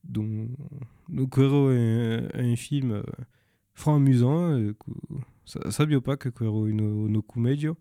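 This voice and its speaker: A man recommending films in a second language, halting and searching for words as he goes. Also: mid-range voice, mellow, dry recording, clean studio sound. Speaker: film presenter. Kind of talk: informal spoken film recommendations.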